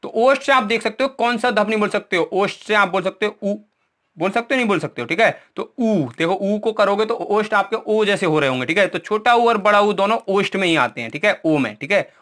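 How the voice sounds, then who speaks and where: A male Hindi teacher's high, bright, ringing voice is animated and a little fast in this exam-prep lesson. Asking the class questions and then answering them himself, he checks in after each point, repeats "ठीक है" often, and goes through memory tricks while pointing at his writing.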